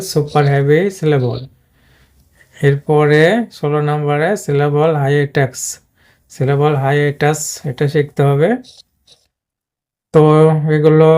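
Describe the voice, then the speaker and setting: Man, english teacher, flat even delivery, repetitive casual explaining. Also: on the high side, clear, resonant tone. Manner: plain, repetitive explaining with many fillers and restarts. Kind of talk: casual spoken lesson.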